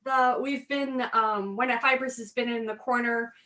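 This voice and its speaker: A woman's voice: on the high side, moderate pace, recorded from a distance. A woman co-hosting a podcast at home, chatting casually and acting out little exchanges. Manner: animated, acts out quoted exchanges. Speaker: podcast co-host. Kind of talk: casual chat. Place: home, basement.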